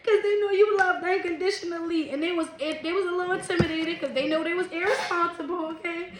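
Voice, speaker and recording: A woman doing a casual tarot reading, chatty and quick to laugh, who calls her listeners "collective" and "baby". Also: extremely high pitch, fairly even intonation. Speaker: tarot reader. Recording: echoey room, faint noise.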